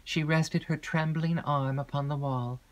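A woman narrating a classic gothic novel as an audiobook, in a measured, even storytelling manner. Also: low voice.

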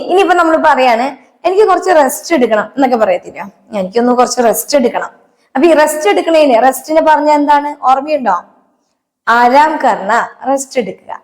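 High-voiced woman teaching Hindi phrases. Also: reverberant, low-quality recording. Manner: patient, repeats each phrase slowly, asks quiz questions. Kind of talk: spoken language lesson.

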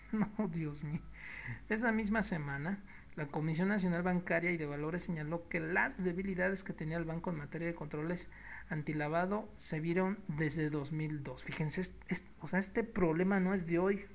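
Speaking at normal speed in a high, gravelly voice over a little hiss or hum, a man with a Mexican Spanish accent rants as a political blogger. His news commentary monologue is indignant and sarcastic, aimed at "you all".

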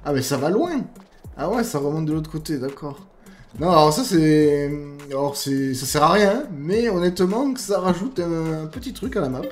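A man's voice: on the high side, expressive, normal speed, soft background music. A man with an accent, casually commenting over gameplay as he reviews game mods, with lots of fillers and friendly asides to his viewers. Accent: non-standard French accent. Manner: chatty, many fillers, addresses viewers as guys. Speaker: gaming YouTuber reviewing mods.

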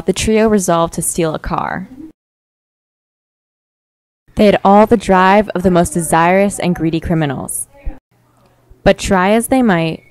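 A young woman narrating a mock-epic tale in a wry, deadpan storytelling manner. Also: medium pitch, no room sound, poor audio. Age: young adult.

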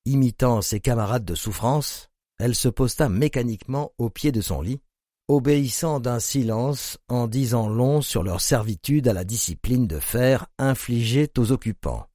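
Grave, dark-voiced male audiobook narrator. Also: mid-range voice, no room sound, studio quality. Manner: grave, measured reading. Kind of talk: scripted narration.

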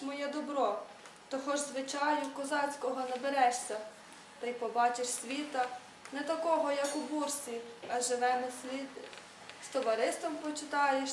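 A woman reading aloud speaks as an old Cossack father, giving steady instruction. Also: high voice, a little hiss or hum, lightly acted. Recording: echoey room, read from far off.

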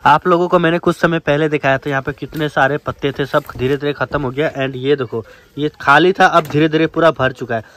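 A young man vlogging outdoors at night on a handheld camera, chatty and joking. His voice sits a little high for a man, and he keeps the talk light and friendly. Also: steady tone, a little fast, a bit bright. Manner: chatty and joking, often laughing. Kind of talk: casual vlog chat.

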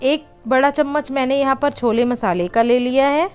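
A woman's voice: sits high, moderate pace, clean tone, soft background music. A woman hosting a home cooking channel, patiently explaining each step of a recipe in a voice-over and often calling her viewers friends.

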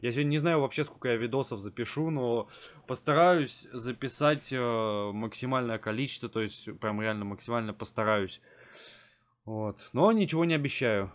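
A man's voice: mid-range voice, moderate pace. A tired, yawning man talking through a reaction video in a rambling way, with lots of fillers. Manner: rambling, filler-heavy musing. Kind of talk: casual reaction commentary.

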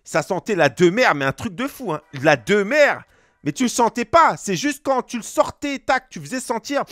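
A man's voice: high voice, a bit bright, dry recording. A young man, a gaming streamer, spinning a rambling tall tale with slang and mouth sound effects into a close desk mic. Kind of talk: rambling tall tale during a game pack opening.

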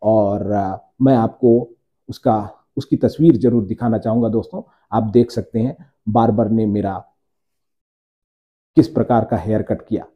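A man teaching English grammar to his viewers, slowing down to repeat each example sentence. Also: fairly low pitch, fairly even intonation, dull audio. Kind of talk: Hindi-language grammar lesson.

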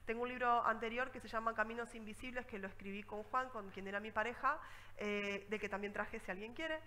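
Una mujer con acento rioplatense que da una charla de viajes y cuenta anécdotas con viveza, imitando a la gente de sus historias. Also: female voice, a little high, brisk, long reverb tail, rough recording. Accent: Rioplatense Spanish. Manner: lively storytelling, acts out scenes. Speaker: travel speaker. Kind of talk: conference talk with anecdotes.

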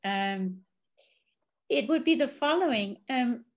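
A woman moderates an online panel from her office over a video call. Her voice sits a little high, and she speaks slowly, pausing to frame each thought before she asks her question. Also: lively intonation. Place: office with bookshelves.

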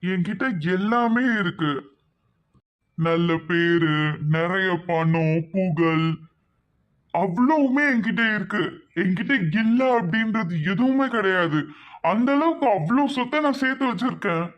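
A man's voice: high voice, lively intonation, unhurried, fairly bright tone, lo-fi sound. A man voicing a rich, lonely cartoon man who talks in a chatty, coaxing way and slips English phrases into his speech. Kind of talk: animated cartoon dubbing.

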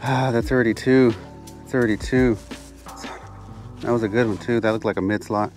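A man narrating his fishing trip from a kayak outdoors, excited and repeating himself, a bit out of breath from the heat. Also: mid-range voice, brisk, soft background music. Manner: excited, repeats phrases, drops to hushed whispers when sight casting. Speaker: fishing channel host. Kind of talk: casual outdoor narration to camera. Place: kayak on open water outdoors.

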